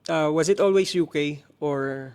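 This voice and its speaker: A woman host from the Philippines asking relaxed questions and telling short anecdotes in a casual interview. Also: low voice, unhurried, clear, resonant tone.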